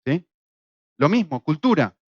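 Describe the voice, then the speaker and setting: A middle-aged Argentine man with a fairly high voice teaches a church Bible class, quick to fire off rhetorical questions and throw in a joke. He speaks with an Argentine Spanish accent. The recording is dull and lo-fi, with a dry, close sound. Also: no room sound. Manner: lively, asks rhetorical questions, jokes.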